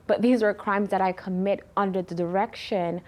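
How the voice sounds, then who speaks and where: A woman in her thirties giving an earnest personal testimony in an interview, lively when she retells conversations. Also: mid-range voice, normal speed. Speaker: interview guest.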